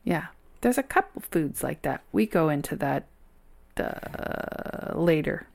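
Lively candid woman podcast co-host. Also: low-pitched, takes it slowly, vocal fry. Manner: animated and candid, laughs easily. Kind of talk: frank casual chat.

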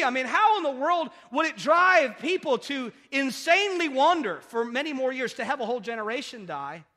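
Male pastor, emphatic sermon delivery with rhetorical questions, pitch rising and falling a lot, recorded in a reverberant sanctuary. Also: sharp tone.

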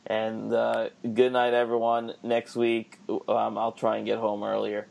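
Sleepy gravelly male podcast host. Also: fairly low pitch, monotone, measured pace, a little mellow. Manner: laughs often, sleepy. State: tired. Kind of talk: casual late-night chat.

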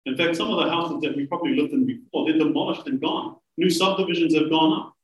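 A man preaching a sermon, earnest and emphatic, slowing down to stress key phrases. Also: a little high, lo-fi sound. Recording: roomy, from a distance.

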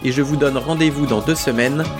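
A man's voice: medium pitch, steady tone, a little fast, music in the background. Wry man hosting a literature podcast. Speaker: podcast host. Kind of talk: scripted literary narration and reading aloud.

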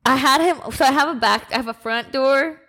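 A young woman co-hosting a podcast, telling a story in casual chat, animated and laughing as she talks. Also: sits high, brisk. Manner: animated, laughs through her stories. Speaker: podcast co-host.

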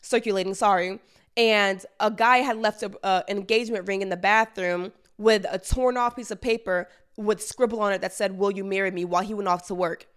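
A woman's voice: mid-range voice, fairly even intonation, brisk, a bit bright. A woman giving an opinionated monologue, emphatic and repeating lines for emphasis, in casual slang, speaking with a retainer in. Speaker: commentator.

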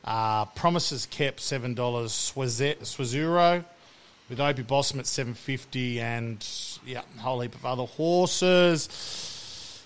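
A man's voice: medium pitch, unhurried, smooth. An Australian man hosting a racing podcast with casual banter, talking in a blokey, slangy, sweary way. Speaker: podcast host.

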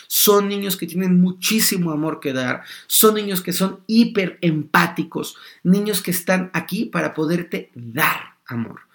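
Creaky high-voiced man. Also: a little slow, few pauses. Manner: animated, acts out little dialogues. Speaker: podcast host. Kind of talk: explanatory podcast talk.

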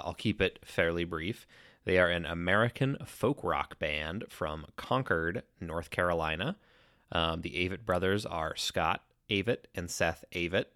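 A man with a low voice co-hosts a podcast, sounding a bit congested and nasal. He talks in a relaxed, chatty way and laughs easily. The sound is dry and close, with no room echo. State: congested from allergies. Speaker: podcast co-host. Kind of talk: casual chat.

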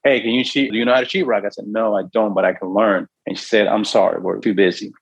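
A man's voice: lowish voice, fairly even intonation, fast, creaky, slightly rough, no room sound, low-quality recording. A middle-aged man from New York, a real estate investor and guest, telling his life story earnestly and acting out the voices in his head. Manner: earnest, acts out his own inner voice. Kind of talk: emotional storytelling.

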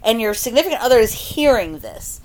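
A woman's voice: on the high side, very animated, a little fast, a little mellow. A woman hosting a podcast, talking candidly about her work and laughing often. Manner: candid, laughs often, frank sexual talk. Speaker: podcast host. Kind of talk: casual chat.

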